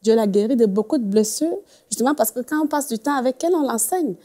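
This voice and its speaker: A woman's voice: fairly high pitch, lively intonation, fast talker, mellow. A woman guest on a faith talk show, telling a story earnestly and laughing often.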